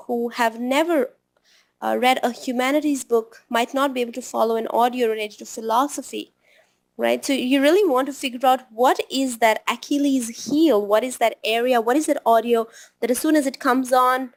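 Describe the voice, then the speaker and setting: A woman's voice: high-pitched, steady tone, normal speed. Woman tutor with tag questions. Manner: explanatory, frequent "right?" check-ins. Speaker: TOEFL tutor. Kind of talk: video lesson, advice to students.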